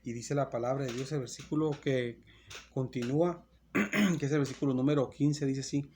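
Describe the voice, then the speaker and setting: A man's voice: medium pitch, normal speed, a little mellow, a little hiss or hum. Earnest, repetitive male preacher. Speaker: pastor. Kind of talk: sermon.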